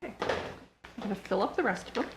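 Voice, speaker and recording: Speaking a little fast in an animated, mid-range voice, an older woman demonstrates her home baking step by step in her kitchen. She's casual and homespun, and clicks and noise run through the recording.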